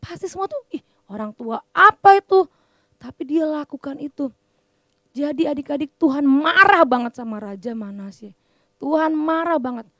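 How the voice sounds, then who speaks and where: High-voiced woman teaching children's church. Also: no room sound, clean studio sound. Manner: lively, chatty, talks directly to children. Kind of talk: children's sermon storytelling.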